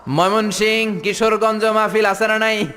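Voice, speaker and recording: Man, preacher, from Bangladesh, playful, mimics dialects, slightly high voice, sermon in a big tent. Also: fairly even intonation, moderate pace, long reverb tail, noisy background. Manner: playful, mimics regional dialects, leads chants. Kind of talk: Islamic sermon to a crowd. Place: large outdoor tent gathering.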